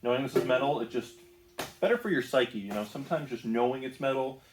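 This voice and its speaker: A man's voice: medium pitch, quick pace, reverberant, slight background noise. A man from the northeast United States casually reviewing a bandsaw in his home woodworking shop, easygoing, with lots of ums and self-corrections. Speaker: tool reviewer.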